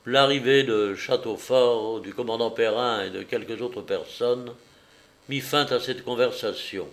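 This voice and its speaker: A man narrating a classic novel in a measured audiobook reading. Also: medium pitch.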